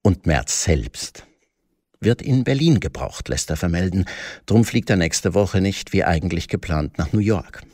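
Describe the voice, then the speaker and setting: A man's voice: sits low, animated, unhurried, darkish tone, no room sound, studio quality. A man reading scripted satirical commentary with a sardonic, mock-pompous delivery.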